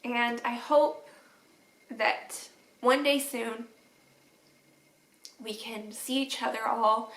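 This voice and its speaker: Tearful, slow-talking woman teacher. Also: high-pitched, a bit bright, roomy sound, poor audio. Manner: tender, halting, with teary laughs. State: crying, sniffly. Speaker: third grade teacher. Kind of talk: tearful video message to students.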